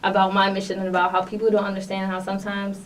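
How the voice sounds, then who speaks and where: A woman's voice: mid-range voice, monotone, very fast. A young woman with a New York accent, a guest on a podcast, chatting upbeat with lots of fillers. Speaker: guest artist. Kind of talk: casual podcast interview. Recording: distant mic with faint noise.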